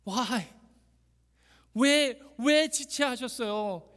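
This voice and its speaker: A man's voice: very high-pitched, drawn-out words, fairly bright tone, long reverb tail, full character voice. A man acting out a grieving father who pleads and questions in anguish during a sermon. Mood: anguished pleading.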